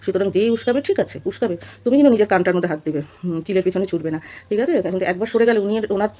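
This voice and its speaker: Woman, middle pitch, rattles off rhetorical questions at breakneck speed in a scolding commentary. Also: animated, very fast, mellow. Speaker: social commentator. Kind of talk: casual opinion monologue.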